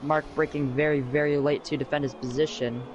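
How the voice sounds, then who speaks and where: A male co-commentator calls an esports race live. His voice sits a little high for a man and his phrasing is halting and hesitant, with clear noise behind it. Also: flat delivery, dull audio. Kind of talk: live sim racing commentary. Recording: clearly noisy background.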